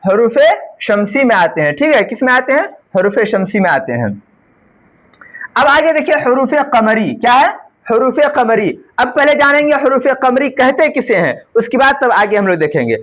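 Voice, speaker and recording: A woman's voice: on the high side, expressive, moderate pace. Patient woman teacher quizzing her class. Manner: asks the class questions and answers them herself; often adds a checking "right?" tag. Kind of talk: exam-prep grammar lecture.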